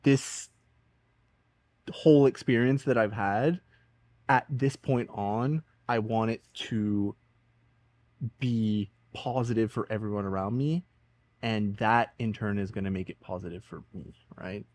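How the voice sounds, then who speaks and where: A man's voice: lowish voice, measured pace, pauses often, a little mellow, no echo. A man hosting a podcast interview, chatting casually with many fillers and rambling questions. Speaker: podcast host.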